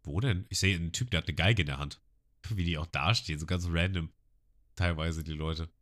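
Podcast guy retelling an anime ep, low-ish but bright punchy voice. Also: fairly quick. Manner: retells scenes and acts out the lines. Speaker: podcast co-host. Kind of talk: casual episode recap.

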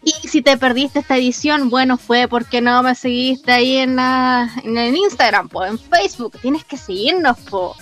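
A woman with a Chilean accent and a high voice hosts a radio show over a music bed. She is chatty and casual, talking straight to her listeners. Her delivery is playful and full of exclamations. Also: moderate pace, few pauses, fairly bright tone.

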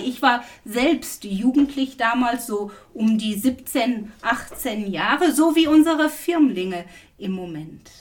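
A woman reading a gospel passage and giving a homily in a calm, reflective way. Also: a little high, far from the mic. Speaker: pastoral minister in a parish.

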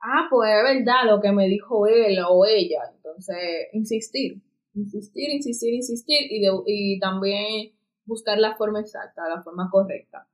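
A young woman, co-hosting a casual chat and acting out quoted lines with big jumps in voice. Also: a little slow. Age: young adult. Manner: animated, acts out quoted speech with big pitch jumps.

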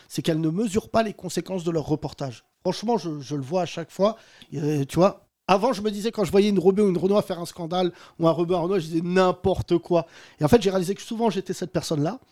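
Guy hosting a chatty talk show, kinda high voice, acts out quotes. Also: fast. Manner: animated storytelling, acts out quotes. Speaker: host. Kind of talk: casual chat on a talk show.

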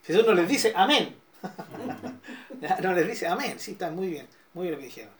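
A man's voice: high voice, big pitch swings, moderate pace, a bit bright, slight background noise. A middle-aged man with a Chilean accent, a pastor teaching an interactive Bible study who keeps checking in with his listeners. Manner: questioning, checks in with listeners often.

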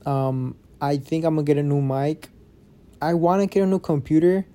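A man's voice: on the high side, moderate pace, dark tone, smooth. A man hosting a podcast, recording on his phone under a blanket, talking in a rambling, frustrated way and swearing often. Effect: muffled, recorded under a blanket. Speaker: podcast host. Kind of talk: casual solo podcast chat.

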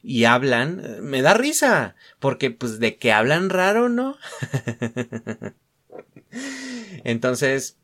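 A man's voice: mid-range voice, very animated, drawn-out words, long pauses, fairly bright tone. A young man with a Mexican accent hosting a casual solo podcast, rambling and slangy, full of fillers and self-mocking asides. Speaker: podcast host.

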